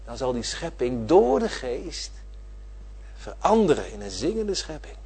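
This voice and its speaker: A man preaching a sermon, repeating his phrases and swinging from loud declarations to quiet asides. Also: medium pitch, very animated, unhurried, slight background noise. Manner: emphatic, repeating phrases with swelling and dropping volume.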